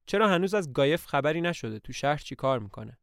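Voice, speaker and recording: A man's voice: a little high, lively intonation, creaky, no echo, clean studio sound. A man reading aloud voices an anxious aristocratic older woman who owns the estate, speaking in a plaintive, sighing way. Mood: worried.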